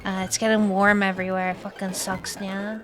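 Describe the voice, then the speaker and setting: A woman livestreamer chatting casually with viewers in a cute, animated manner, often tagging her sentences with "yeah". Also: medium pitch, brisk, music in the background. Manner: habitually tags sentences with a questioning or affirming "yeah"; casual swearing.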